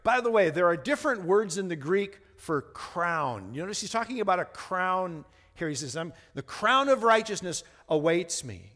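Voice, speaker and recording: A man in his sixties preaching a sermon as pastor, earnest, often repeating words, moving between hushed lines and fervent ones. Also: high voice, animated, normal speed, hardly any pauses, long reverb tail. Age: 60s.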